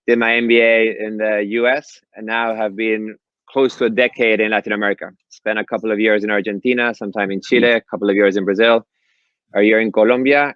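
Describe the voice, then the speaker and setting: A man with a Spanish accent, briskly introducing himself as a startup chief on a conference panel. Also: lowish voice, fairly bright tone, no room sound, highs cut off. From Spain.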